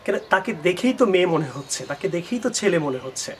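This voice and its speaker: A man, a Bengali speaker, teaches spoken English in a fairly high voice. He asks his students' questions aloud and answers them himself, then speaks the example sentences slowly and carefully. A faint hiss runs under the recording. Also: big pitch swings. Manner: switches between explanation and slow, carefully spaced example sentences.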